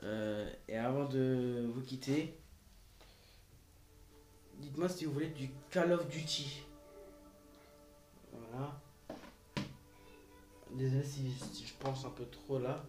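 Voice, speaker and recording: A man's voice: mid-range voice, takes it slowly, long pauses, darkish tone, soft background music. A man hosting a casual gaming tutorial vlog, hesitant and rambling, with many fillers and restarts, recorded on a phone. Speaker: gaming video host.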